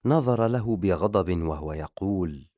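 Male audiobook narrator, very low voice, steady measured reading, dry booth sound. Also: no room sound. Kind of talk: scripted narration.

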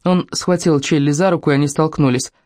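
Steady audiobook narrator, dry close sound. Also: mid-range voice, brisk, no echo.

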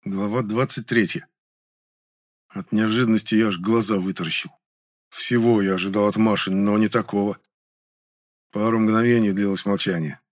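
A man's voice: fairly low pitch, fairly even intonation, moderate pace, long pauses. A man narrating a first-person audiobook, cool and mocking in the hero's dialogue.

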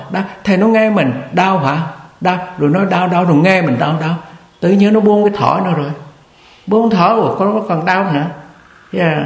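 An older man giving a conversational, repetitive dharma talk as meditation teacher. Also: high-pitched. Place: meditation hall. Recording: echoey hall recording.

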